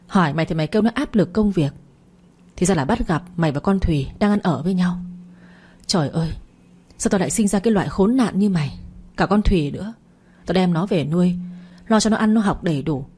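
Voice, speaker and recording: A woman's voice: on the low side, expressive, fairly quick, long pauses, mellow, slightly rough. A woman voicing an angry older village mother who scolds her son harshly in an audio story. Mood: furious.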